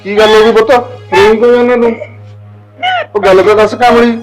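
A man playing a gentle protective father. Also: sits high, steady tone, brisk, soft background music, lightly acted. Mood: soothing. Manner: soothing, patient. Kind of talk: short film drama.

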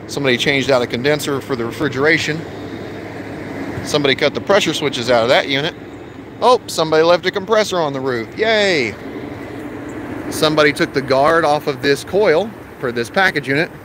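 Standing on a commercial rooftop, an HVAC technician in his thirties chats to his phone camera and walks through the job step by step. He speaks briskly in a fairly high pitch. With the phone held at arm's length, the outdoor recording carries traffic noise.

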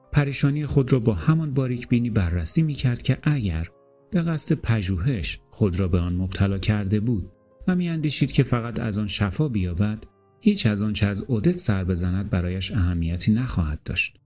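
A man reading a literary novel aloud as an audiobook narrator, in a measured, calm and deliberate way. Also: on the low side.

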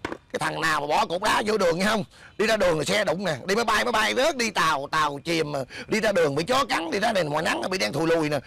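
An actor playing a scheming, bossy beggar husband in a comedy sketch, scolding in loud banter. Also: male voice, high-pitched, lively intonation, fast, vocal fry, full character voice. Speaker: comic actor.

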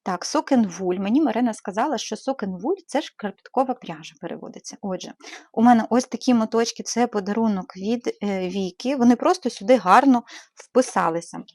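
A woman's voice: on the high side, lively intonation, a little fast, darkish tone, no echo, clean studio sound. A woman from Ukraine chatting casually as she shows her knitting supplies in a vlog, with frequent hesitant fillers and fond diminutives. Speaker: knitting channel host. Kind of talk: casual show-and-tell vlog.

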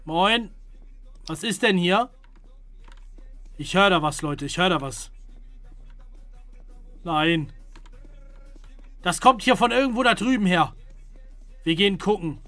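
A young man giving casual gameplay commentary to his viewers, jumping between hushed whispers and loud startled calls. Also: high-pitched, lively intonation, slow pace, long pauses, faint music behind. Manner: jumpy, hushed then loud, talks to viewers. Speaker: gaming streamer.

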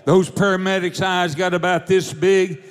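A man's voice: sits high, flat delivery, moderate pace, smooth. A man preaching, telling a testimony in a fervent storytelling manner. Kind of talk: sermon testimony.

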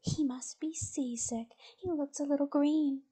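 A woman's voice: high voice, a little slow, dark tone. A woman voicing a crew of greedy pirate men who tease and mock, in a storybook reading.

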